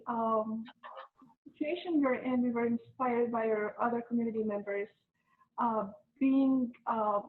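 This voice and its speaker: A middle-aged woman from Bosnia and Herzegovina, interviewed as a guest, speaking hesitantly with many fillers and restarts. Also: a little high. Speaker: interview guest, volunteer mask maker. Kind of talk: casual interview. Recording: tinny phone-like line.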